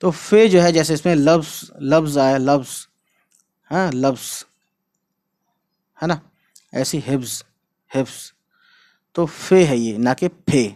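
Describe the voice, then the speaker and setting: An Urdu teacher with a slightly high, slightly mellow voice gives a casual language lesson at a slow pace. He spells every word out letter by letter, repeats it several times, and mixes English words into his speech.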